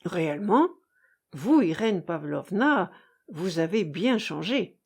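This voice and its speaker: A woman's voice: on the low side, big pitch swings, slow, husky, full character voice. Woman voicing an earnest, tactful young man.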